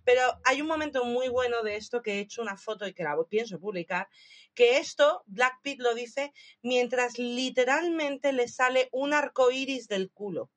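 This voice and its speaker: A woman in casual chat, recapping a show with animated retellings, acting out the lines and swearing freely. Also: a little high, normal speed.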